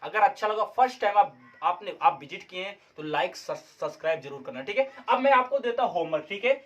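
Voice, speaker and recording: High-voiced chatty male teacher. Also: animated, quick pace, lo-fi sound. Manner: chatty, repeats "guys" and "ठीक है?" as check-ins; drills example sentences aloud. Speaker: English teacher. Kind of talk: Hindi-English video lecture.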